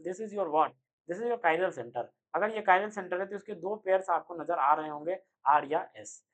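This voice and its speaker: A young man giving an energetic online chemistry lecture, speaking loudly and constantly quizzing his students with quick rhetorical questions. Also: a little high. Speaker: chemistry teacher. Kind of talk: online exam-prep lecture.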